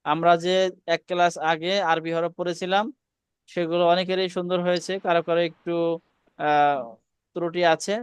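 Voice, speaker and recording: A man teaching Arabic letter pronunciation in an online class, patient and slow, repeating each letter for students to echo. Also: high-pitched, little pitch movement, smooth. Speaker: Quran teacher. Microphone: video call.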